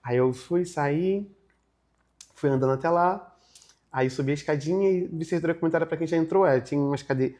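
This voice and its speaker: A young man tells his story quickly, in a fairly high voice. He talks in a casual, animated way and acts out other people's lines as he goes. It is a relaxed interview setting. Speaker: guest.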